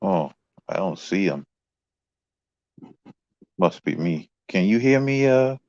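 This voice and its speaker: A man's voice: sits low, lively intonation, slow, a little mellow, no room sound, highs cut off. A man in an online group call, asking pointed questions and pressing for yes or no answers.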